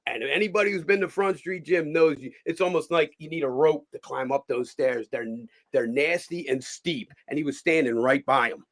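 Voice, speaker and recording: A man, hosting a show and telling rough, profane stories in a casual, animated way. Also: on the high side, normal speed, hardly any pauses. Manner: animated, profane, acts out quotes. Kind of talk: casual storytelling.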